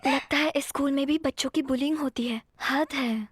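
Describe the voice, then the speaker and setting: Woman doing a calm clever anime schoolgirl, super high voice, very practical. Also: normal speed, a little hiss or hum, lightly acted. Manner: level-headed, practical. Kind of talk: anime dub acting.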